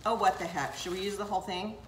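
A woman's voice: mid-range voice, steady tone, fast talker, noisy background. Chatty older woman in an echoey kitchen. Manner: chatty, talks straight to viewers while working. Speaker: cooking show host. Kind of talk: casual cooking demonstration. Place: home kitchen, indoors.

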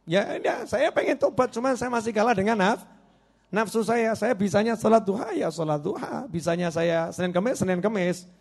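A matter-of-fact repentant robber chief, as a man puts him on. He confesses his ways plainly and calmly, with no drama, as part of a told story in a sermon. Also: high voice, normal speed, gravelly, voice pushed up, heavily acted. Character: repentant male robber chief, calm and candid.

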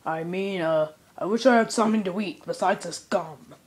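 A woman voicing a hungry, slow-witted cartoon dinosaur who grumbles and draws out words. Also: on the low side, slightly rough, voice pushed down. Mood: dopey.

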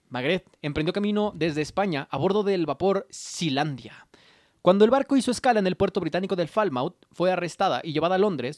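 His voice is high and there's no echo at all. He's a young podcast host with a Mexican accent narrating history casually from his notes, tossing in slang, recorded through an arm-mounted desk mic with headphones in a small home studio lined with colorful shelves.

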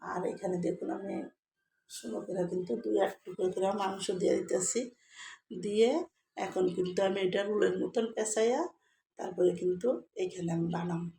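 A hoarse woman, narrating a step-by-step cooking video in a home kitchen. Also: mid-range voice, brisk, reverberant, slight background noise. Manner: steady, repetitive home-cook explaining. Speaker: cooking vlogger.

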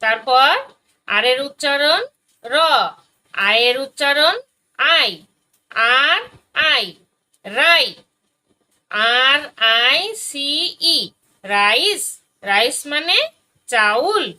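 A woman teaching a phonics lesson for young children, spelling out letters and sounds one by one with patient, deliberate delivery. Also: high voice, animated, pushed and bright, low-quality recording.

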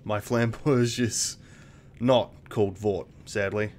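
A man's voice: fairly low pitch, steady tone, slow, background noise. A man giving casual gameplay commentary as the host of a let's play, dry and self-mocking, with casual swearing.

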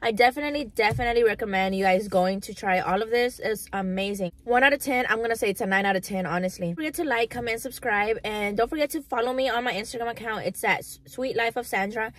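A woman's voice: on the high side, fast, hardly any pauses. Young woman chatting casually in a mukbang. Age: young adult. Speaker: mukbang vlogger. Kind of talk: casual chat to viewers while eating, mukbang. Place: inside a parked car.

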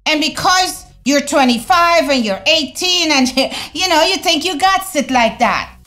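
A middle-aged woman talking to camera in a casual opinion vlog at home, animated and conversational with slangy asides. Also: high voice, a little slow, soft background music. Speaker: vlogger. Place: home room, indoors. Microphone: fixed camera at desk.

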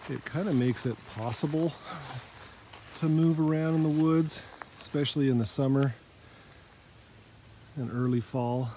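Over crickets and other insects, a thirtysomething vlogger and father chats easily on a summer woods walk, filming himself with his phone at arm's length and joking with his son. His mid-range voice is a bit slow and pauses often. The recording is rough.

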